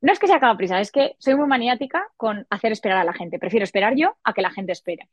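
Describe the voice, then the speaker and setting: A woman in her forties, a podcast guest, telling a personal story in a lively way and acting out the voices she quotes. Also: fast, no echo, dull audio. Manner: animated, acts out quoted dialogue in a higher voice. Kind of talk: casual storytelling.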